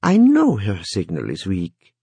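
A man's voice: fairly low pitch, huge pitch swings, unhurried, creaky, warm tone, breathy edge, dry recording, exaggerated voice. A man voicing a stilted, formal mortuary owner who explains things in a placating manner. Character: stilted male mortuary owner, smooth, bureaucratic.

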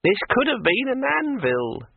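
A man voicing a chatty, bossy talking magic sword with a high, ringing voice and a pushy, self-important drawl. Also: wildly swooping pitch, unhurried, vocal fry, slightly rough, dry recording, heavily acted. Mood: pushy, breezy. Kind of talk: audiobook character voice. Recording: tinny dry radio recording.

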